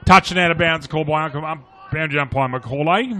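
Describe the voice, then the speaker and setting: A man with an Australian accent giving live play-by-play of an Australian rules football match in short, clipped, animated phrases. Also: on the high side, fast. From Australia, regional New South Wales. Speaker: sports commentator. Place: outdoor commentary box at a suburban football oval.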